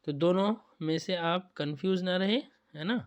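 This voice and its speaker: In an online lesson on Quran recitation rules, a man with a high, clear, resonant voice explains on-screen examples. He is patient and repetitive, checking with tag questions that his students are following.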